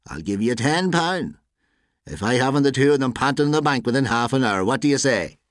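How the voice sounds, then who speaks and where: A man voicing a big, fat cattle dealer who speaks in a soft, mocking, needling way in a story reading. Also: medium pitch, expressive, brisk, no room sound, studio quality, pitched above the performer's own voice, lightly acted. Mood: mocking taunt.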